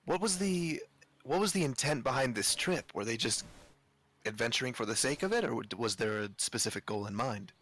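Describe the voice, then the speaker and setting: A man playing a tabletop game, joking and reacting quickly to the others. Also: medium pitch, lively intonation, a bit bright. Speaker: player. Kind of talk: casual tabletop game chat.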